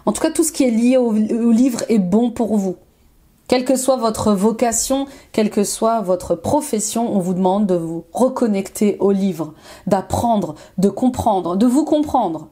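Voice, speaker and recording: A woman's voice: medium pitch, measured pace, mellow, breathy edge. A woman life coach reading tarot cards for her viewers, encouraging and repeating affirmations, with frequent fillers and bursts of enthusiasm. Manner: enthusiastic, exclaims often.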